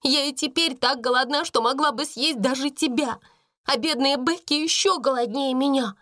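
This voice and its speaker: Woman voicing a proud young schoolgirl, storybook, earnest, lively pitch, slightly raised voice. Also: moderate pace, no room sound, clean studio sound. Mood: bitter earnest.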